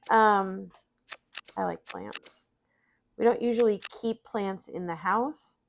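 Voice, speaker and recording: A lowish, creaky voice comes through with slight background noise from a middle-aged woman who's streaming solitaire. Still sniffly and tired after vaccines, she chats casually to her audience, rambling about her day in a self-deprecating way.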